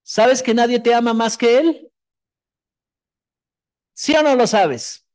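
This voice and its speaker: Man preaching an emphatic sermon, high voice. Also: a little mellow. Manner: emphatic, repeats phrases for emphasis, shifts from fast asides to slow stressed words. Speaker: pastor.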